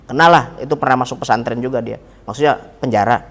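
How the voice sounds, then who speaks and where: Delivering a mosque study-circle lecture, a man speaks quickly in a mid-range, fairly bright voice. His manner is funny and anecdotal, and he repeatedly addresses the audience as Pak and Bu.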